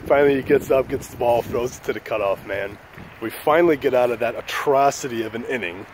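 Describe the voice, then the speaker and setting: A man's voice: medium pitch, a little fast, slight background noise. A man hosting his own channel, telling a story in a loose, joking, profane way. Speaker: channel host. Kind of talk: casual storytelling vlog.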